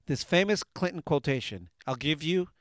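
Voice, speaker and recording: A man's voice: fairly high pitch, lively intonation, normal speed, a bit bright, no echo. A man hosting a political talk and quiz show from a garage, argumentative and jokey, often pushing to hold the floor. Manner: argumentative, jokey, talks over others.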